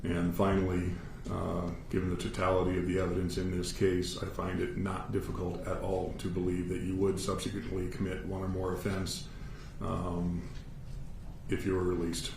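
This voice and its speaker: American man, judge, deep voice, formal sentencing delivery, matter-of-fact, authoritative, very echoey distant courtroom recording. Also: completely flat delivery, moderate pace. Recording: echoey room, distant mic, faint noise.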